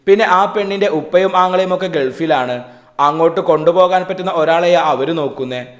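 A man's voice: a little high, fairly quick, close to an everyday voice. A man voicing a cheerful, easygoing young male auto-rickshaw driver in a read-aloud story, in an echoey room. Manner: plain, affectionate storyteller reading.

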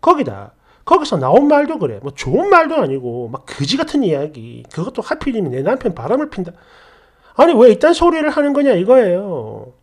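A woman's voice: on the high side, darkish tone. A woman narrating an online story in a chatty, indignant storytelling manner. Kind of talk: reading an online story aloud.

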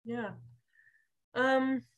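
A woman's voice: high voice, steady tone, extremely slow. A woman, a rabbi, interviewing an author over a video call in a thoughtful way. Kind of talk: conversational interview.

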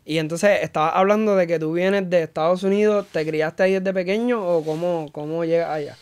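A man hosting a casual interview, asking relaxed questions and giving short encouraging replies. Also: sits high, a little fast, clear, resonant tone. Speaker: host.

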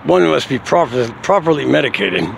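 A man's voice: mid-range voice, very animated, a little fast, gravelly, fairly bright tone, a little hiss or hum. A middle-aged man venting in a rambling, profane monologue to camera, swearing constantly and laughing now and then. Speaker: vlogger.

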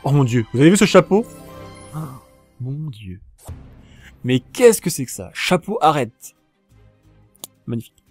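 A man playing a video game and commenting casually, joking along the way. His fairly high voice swings widely in pitch, and he shouts out his attacks during fights. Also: very animated, a little slow, pauses often, soft background music. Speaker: let's play gamer.

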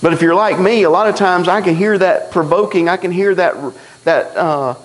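A man preaching a sermon in a church, telling stories in a folksy, animated way and acting out the dialogue. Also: high voice, moderate pace, poor audio. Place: church sanctuary.

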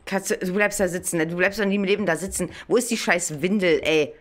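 A let's play gamer with a German accent gives casual commentary on a horror game, chatting away and scolding the baby in it. She speaks quickly, in a fairly low-pitched voice.

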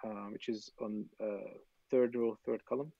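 A man guest explaining a software tool in a casual, hesitant way with fillers. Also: on the low side, fairly even intonation, measured pace, creaky, no echo, muffled recording. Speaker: guest developer advocate.

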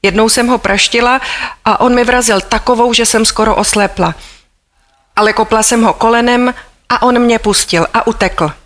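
A woman's voice: fairly high pitch, fairly bright tone, close to an everyday voice. A woman audiobook reader voicing a desperate young working-class housemaid who speaks bluntly and colloquially, with bitterness. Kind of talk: audiobook character voice.

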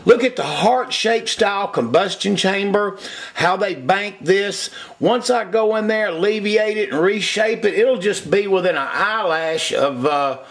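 A man's voice: fairly high pitch, a bit bright. A man in his workshop giving a folksy, enthusiastic demonstration of cylinder head work, talking from behind the camera. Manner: folksy, enthusiastic, plain-spoken.

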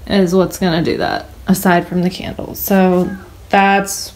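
Holding her phone at arm's length, a young American vlogger chats to the camera in her kitchen at home and later from inside a moving car. She speaks in a lowish, slightly mellow voice with flat delivery and a measured pace.

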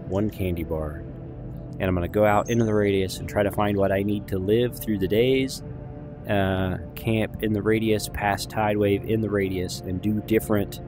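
A man giving casual, rambling gameplay commentary as a video host, chatty, informal and self-deprecating. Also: fairly low pitch.

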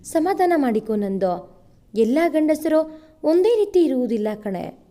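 A gentle young husband in a spoken storybook , put on by a woman narrator. His voice is soft, warm and pitched fairly high. He talks tenderly and reassuringly. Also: sing-song, a little slow. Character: young man, gentle loving new husband.

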